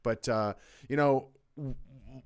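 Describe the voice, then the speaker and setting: A man's voice: medium pitch, a little slow, clean tone. A young man, co-hosting a casual political chat. He rants emphatically and often restarts his sentences. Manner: emphatic, ranting, with frequent restarts. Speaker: podcast co-host.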